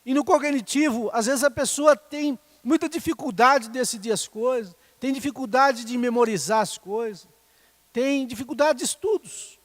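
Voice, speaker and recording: A man's voice: very high voice, normal speed, dry recording. A middle-aged man preaching a sermon in a conversational way, often checking in with the congregation. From Brazil. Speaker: pastor.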